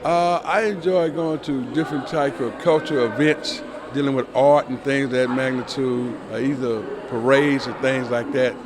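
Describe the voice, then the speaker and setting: A man answering a street interview in a relaxed way, with fillers. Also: medium pitch. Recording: crowd noise outdoors.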